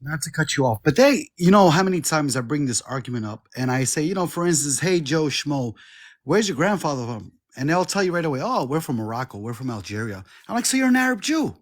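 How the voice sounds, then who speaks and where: A man's voice: a little high, very animated, fairly quick. A man joining a livestream conversation, talking animatedly and acting out the people he argues with. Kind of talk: casual conversation.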